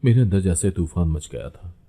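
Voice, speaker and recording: Male storyteller, dark and mellow tone, measured and heavy first-person narration. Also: deep voice, lively intonation, breathy edge.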